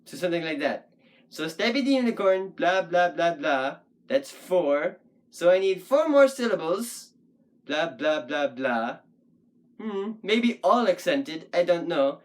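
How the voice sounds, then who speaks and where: A performer voicing a shaggy, goofy talking wolf puppet who hosts the show, rambling and thinking out loud in a casual puppet vlog. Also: mid-range voice, expressive, unhurried, natural voice. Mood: playful musing.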